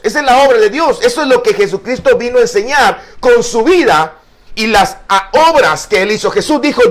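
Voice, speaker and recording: A man's voice: extremely high pitch, fairly bright tone. A male pastor teaching a Bible study, earnest and explanatory, with frequent fillers and repeated words. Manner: addresses listeners as brother.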